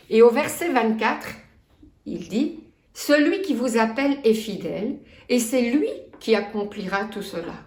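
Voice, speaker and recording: A woman in her fifties with a Belgian French accent, preaching a sermon in an earnest, measured way and reading scripture aloud. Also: a little high, reverberant. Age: 50s. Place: church.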